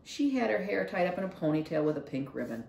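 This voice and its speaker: Animated woman reading a storybook. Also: on the low side, fast, creaky. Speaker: library read-along reader. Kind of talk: expressive storybook narration. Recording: roomy echo.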